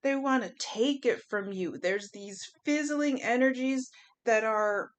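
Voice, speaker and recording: A woman's voice: on the high side, unhurried. A woman giving a chatty pick-a-pile tarot reading, emphatic and fond of repeating her phrases. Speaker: tarot reader.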